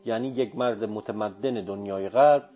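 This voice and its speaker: A man reading a first-person literary audiobook in a measured, even way. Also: on the low side, soft background music. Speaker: audiobook narrator.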